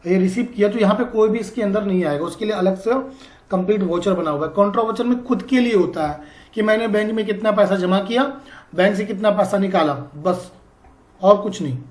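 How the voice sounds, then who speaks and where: A male accounting teacher giving a classroom lecture, explaining slowly and checking often that students follow. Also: sits high, darkish tone, reverberant.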